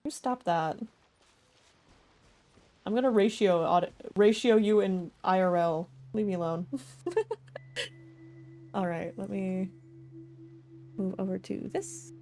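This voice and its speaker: A woman's voice: medium pitch, takes it slowly, long pauses, dark tone. A young woman streaming a game, chatting casually and giggling as she talks to her chat. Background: faint game music.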